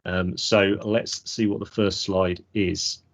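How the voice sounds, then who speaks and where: Low-voiced man hosting casually. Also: flat delivery, slow. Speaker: podcast host. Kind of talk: casual chat. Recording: dull lo-fi audio.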